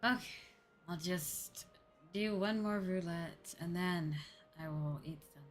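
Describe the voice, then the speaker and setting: A woman livestreamer and host chats casually and politely while gaming, musing to her audience over music. Her voice is lowish and her pace measured.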